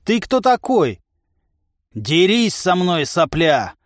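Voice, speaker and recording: A man voicing a huge brutish male giant bully who bellows slowly and boastfully. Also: high-pitched, very animated, dry recording, studio quality, pitched above the performer's own voice, full character voice. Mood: aggressive.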